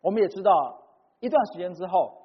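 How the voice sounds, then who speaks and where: A man preaching a sermon in short phrases, pausing for an interpreter. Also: high voice, husky. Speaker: pastor. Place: church hall. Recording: dull recording in a reverberant hall.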